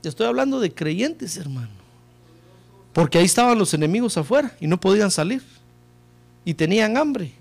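High, lively impassioned man preaching. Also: moderate pace, vocal fry, pauses often. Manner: impassioned preaching, swings from low murmurs to shouted peaks; keeps addressing listeners as "hermano". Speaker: pastor. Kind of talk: sermon.

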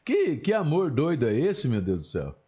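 A man's voice: a little high, huge pitch swings, normal speed, warm tone, husky. A man hosting a live show, teasing his co-host in a joking, playful way. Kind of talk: joking live broadcast chat. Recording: dull lo-fi broadcast audio.

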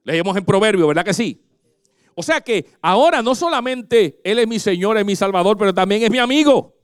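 A male pastor preaching with fervor, his voice high for a man and smooth. He swings from ringing, drawn-out peaks down to near-murmurs. The sound is dry and close to the mic. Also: lively intonation, dry recording. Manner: impassioned, swings between loud highs and soft lows. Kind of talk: sermon.

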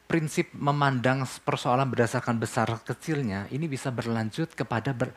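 A pastor in his speech preaches to his congregation. His tone is conversational. He keeps asking questions and answering them himself, and his voice sits at an ordinary middle pitch. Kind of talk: sermon.

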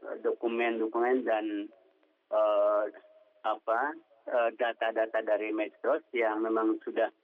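Halting man on a tinny line. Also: on the low side. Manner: halting, many filler sounds. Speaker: interviewed official. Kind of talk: interview answer.

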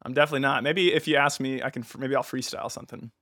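Fast-talking, bright young man, jokey co-host. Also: medium pitch, no echo, clean studio sound. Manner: quick, jokey and animated. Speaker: podcast co-host. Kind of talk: casual podcast chat.

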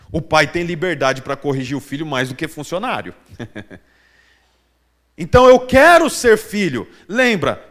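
A man's voice: high voice, a bit bright. A man preaching a sermon to a small church congregation, acting out the voices of the people he quotes. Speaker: pastor.

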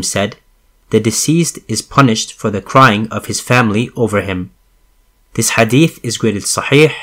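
A man with a fairly low voice reads religious texts aloud as an audiobook narrator. His delivery is even and measured, with steady formal phrasing. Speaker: audiobook reader. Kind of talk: scripted reading of religious texts.

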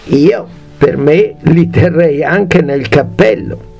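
A man's voice: on the high side, animated, takes it slowly, vocal fry, mellow, slightly rough, soft background music, heavily acted. A man voicing a humble young soldier drummer in a fairy tale, polite and eager. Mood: cheerful.

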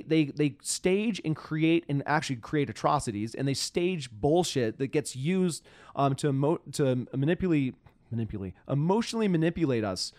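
A man hosting a casual political podcast, frustrated and profane, talking in halting bursts full of restarts. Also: fairly high pitch, a little mellow, no room sound. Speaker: podcast host.

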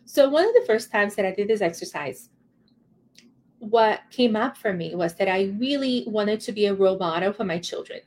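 A woman's voice: mid-range voice, a little mellow. A woman coach giving motivational vlog advice in an earnest, conversational way, repeating words for stress and checking in with the listener.

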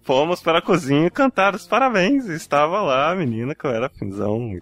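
A young Brazilian man with a Brazilian Portuguese accent spins a comic tale in casual chat. His voice sits high and swings widely, with a bright, crisp edge, and he jumps into the voices of the people he describes. Faint music runs underneath. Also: fairly quick, dry recording. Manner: animated, acts out voices in his stories.

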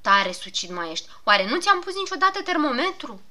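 A woman's voice: high-pitched, very animated, sharp tone, pitched above the performer's own voice, heavily acted. A woman voicing a fussy, grumbling male gnome doctor who coaxes and scolds in a storybook reading. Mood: fussing. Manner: soothing then scolding, fussy.

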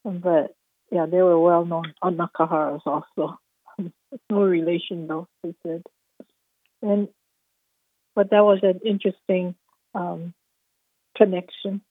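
A woman's voice: lowish voice, fairly even intonation, a little slow, pauses often, no echo. Woman telling stories over a tinny phone line. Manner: rambling, many fillers, laughs often. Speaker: guest. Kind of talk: casual storytelling chat.

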